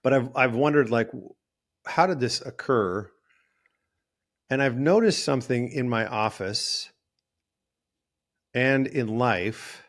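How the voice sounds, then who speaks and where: A male therapist and podcast host talking in a casual, rambling monologue, often correcting himself mid-sentence. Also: mid-range voice. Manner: rambling, self-correcting, acts out quoted voices.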